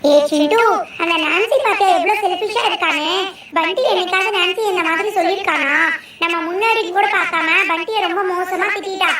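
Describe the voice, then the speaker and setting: A woman's voice: extremely high pitch, brisk, echoey room, far from the mic, noisy background. A woman voicing bossy, scolding young girls in a cartoon, talking in a telling-off, know-it-all way. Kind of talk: cartoon dubbing.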